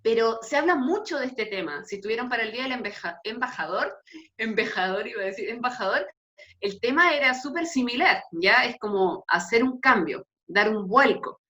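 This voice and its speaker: Expressive, bright, and pushed, this woman's high-leaning voice moves at a moderate pace. She's a pastor in her thirties with a Chilean Spanish accent, casually chatting through an informal Bible talk for a youth meeting on a video call with dull, lo-fi audio.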